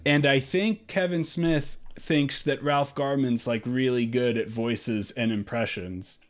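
A man's voice: medium pitch, steady tone, measured pace. A man co-hosting a podcast, ranting profanely and scornfully about a movie in casual chat. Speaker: podcast co-host.

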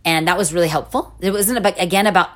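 Low-voiced woman telling her story. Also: quick pace. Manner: animated, with frequent restarts and laughing asides. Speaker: interview guest. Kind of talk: personal storytelling in a casual interview.

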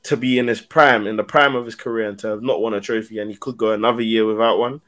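A man's voice: fairly low pitch, fairly even intonation, quick pace, fairly bright tone. A man with a London urban roadman accent chatting casually about football, in a slangy, vivid, conversational way. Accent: London, urban roadman slang style.

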